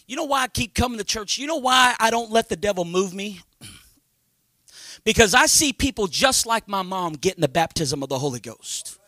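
A man preaching as senior pastor. He moves from hushed talk to shouted passages and repeats amen and hallelujah. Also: high voice, animated, moderate pace, no room sound, clean studio sound. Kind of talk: Pentecostal preaching.

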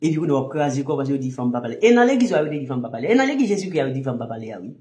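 This is a male minister with a Haitian accent, teaching through a passionate sermon full of rhetorical questions. He speaks rapid-fire with big pitch swings, ranging from soft murmurs to shouts, and the room echoes.

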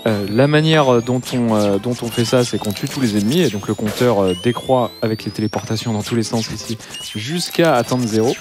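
A man's voice: mid-range voice, a little fast, over music. A man commentating a live speedrun, explaining the game's rules with dry jokes.

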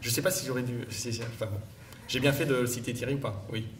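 A man directing an organisation answers conference questions in a hesitant way, with many fillers and restarts, clearing his throat because his voice gives him trouble. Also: medium pitch, quick pace, background noise. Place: large conference room. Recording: echoey room, distant mic.

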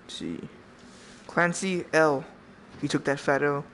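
A scared horror game streamer, a man with a slightly high voice, chatting casually as he plays. He is jumpy and playful, swearing mildly, over faint noise from a headset mic. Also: fairly even intonation, slow, fairly bright tone. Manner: playful, goofy asides. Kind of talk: casual live-stream commentary while playing a horror game. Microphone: VR headset microphone.

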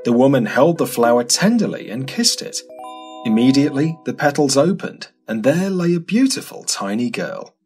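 A man narrating an animated fairy tale in an expressive, scripted storybook style. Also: mid-range voice, moderate pace, over music. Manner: expressive, sing-song.

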